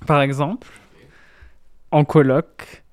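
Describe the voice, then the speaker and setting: Young man, smooth clear voice, fairly high, patient explainer, dry close sound. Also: flat delivery, takes it slowly, darkish tone, no echo. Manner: explains patiently, mimics English pronunciation. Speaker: guest, doctoral researcher and teacher. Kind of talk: casual podcast chat.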